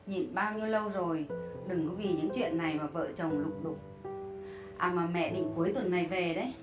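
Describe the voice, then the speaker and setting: A woman's voice: on the low side, moderate pace, echoey room, over music, lightly acted. An actress playing a meek, patient mother who pleads and apologizes. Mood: gentle advising. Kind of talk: family drama acting.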